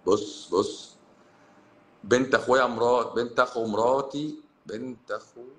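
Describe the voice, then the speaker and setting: A man with a Cairene Egyptian accent, a doctor hosting a live stream, talking casually to viewers. He is animated, scolding and joking with them. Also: mid-range voice, unhurried. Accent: Cairene Egyptian Arabic. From Egypt, Cairo. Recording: roomy echo, faint background noise.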